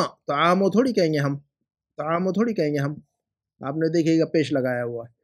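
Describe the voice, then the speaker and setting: A man teaching Arabic grammar, patiently correcting students' homework, repeating rules and slowly spelling out phrases. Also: sits high. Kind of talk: correcting homework in a language lesson.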